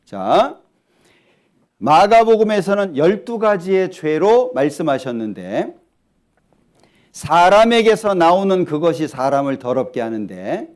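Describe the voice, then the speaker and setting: Guy preaching a sermon, high voice that jumps all over, keeps asking the crowd stuff. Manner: lively, asks the congregation questions. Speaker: pastor. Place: church hall.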